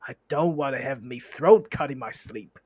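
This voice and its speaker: A man voicing a mean, suspicious male troll who sneers and quarrels loudly. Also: medium pitch, moderate pace, husky, dry recording, studio quality, close to an everyday voice. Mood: menacing.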